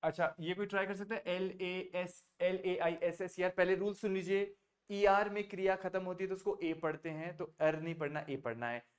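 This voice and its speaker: A man's voice: high voice, fairly even intonation. Man teaching French pronunciation. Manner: explains slowly, mixing Hindi and English, coaxes students to repeat. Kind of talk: online class teaching pronunciation.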